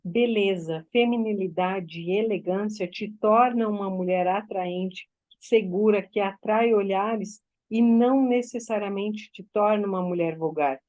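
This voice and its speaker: A woman's voice: medium pitch, unhurried, few pauses, darkish tone, rough recording. A woman mentoring a group, giving direct, instructive advice in a teaching talk.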